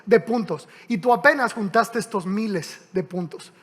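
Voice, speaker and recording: A man voicing a calm, gentle Jesus at heaven's gate, softly and low, within a sermon. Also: moderate pace, slightly rough, long reverb tail. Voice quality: soft low-key delivery.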